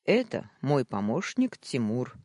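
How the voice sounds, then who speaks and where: A woman voicing a confident, protective young man who talks in a low purring tone. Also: very animated, unhurried, mellow, no echo, clean studio sound, exaggerated voice. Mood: commanding.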